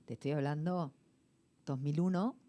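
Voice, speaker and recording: A woman's voice: low voice, normal speed, warm tone. A woman co-hosting a radio show, chatting in a playful, teasing way. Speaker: radio co-host. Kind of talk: casual radio chat. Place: radio studio.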